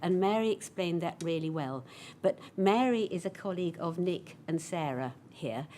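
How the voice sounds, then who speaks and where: A woman's voice: fairly low pitch, animated, normal speed, dark tone, slight background noise. A woman hosting a conference session, talking in a chatty, storytelling way. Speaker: conference host. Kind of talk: conference talk.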